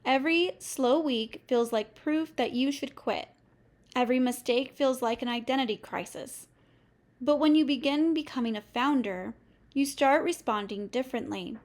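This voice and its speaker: A woman coach delivering a scripted motivational lesson in a measured, steady way, with short listed phrases. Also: sits high. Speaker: business coach. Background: faint music.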